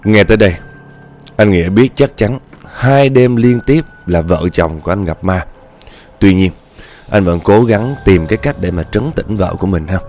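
A man's voice: fairly low pitch, moderate pace, darkish tone, slight background noise. A man narrating a ghost story in a chatty way, often speaking straight to his listeners. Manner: chatty, addresses listeners directly.

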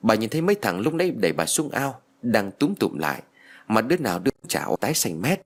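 A man reads a village story aloud as an audiobook. His voice sits on the low side and rises and falls with lively expression. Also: brisk.

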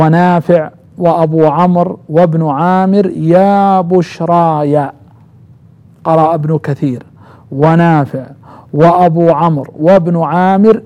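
A man with a fairly high, mellow voice teaches a Quranic exegesis lesson. He goes slowly, repeats each phrase and stretches out the verses he quotes. The recording sounds dull and lo-fi. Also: vocal fry.

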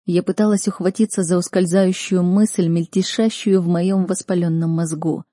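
A woman's voice: on the low side, little pitch movement, normal speed, warm tone, dry recording, studio quality. A woman narrating a first-person fantasy audiobook with an emotional, dramatic reading.

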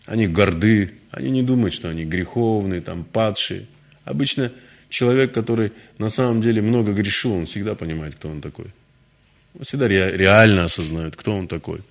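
Sex: male. Role: spiritual lecturer. Style: devotional lecture. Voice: low, gravelly. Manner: conversational storytelling. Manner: conversational, storytelling, frequent restarts.

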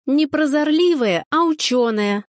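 Женщина-чтец озвучивает упрямую девушку, которая огрызается и возмущается. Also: female voice, sits high, lively intonation, measured pace, dry recording, clean studio sound, pitched above the performer's own voice. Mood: defiant. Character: stubborn young woman, defiant and snappy.

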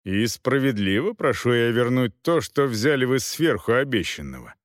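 A man's voice: mid-range voice, very animated, normal speed, no room sound, studio quality, lightly acted. A man reading aloud, voicing a proud male knight who haggles and accuses in a cutting way. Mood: cool.

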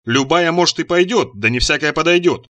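A man's voice: a little high, fairly bright tone, lightly acted. A man doing a pompous, stern boss voice. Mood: instructive. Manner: slow, solemn, deliberate pronouncements. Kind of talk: audiobook character voice.

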